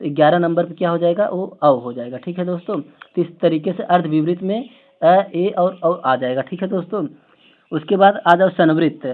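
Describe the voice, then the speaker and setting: A man's voice: high-pitched, normal speed. A man teaching an exam-prep grammar lesson online. He explains memory tricks, keeps asking rhetorical questions and talks aloud as he writes. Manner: talks aloud while writing on the screen. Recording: tinny phone-like audio.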